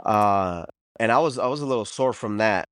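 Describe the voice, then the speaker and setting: A man's voice: on the low side, normal speed, a bit bright, smooth, dry recording, studio quality. A man in his thirties from Los Angeles, a podcast guest chatting in an easygoing, laid-back way. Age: 30s. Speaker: podcast guest, delivery driver. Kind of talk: casual chat.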